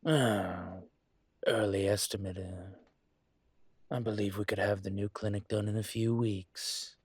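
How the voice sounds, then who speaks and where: In a scripted roleplay monologue addressed to the listener, a man plays a calm, courteous dragon mafia boss, his fairly low, husky voice measured and polite. He sounds businesslike, pausing deliberately, and the recording has no room sound.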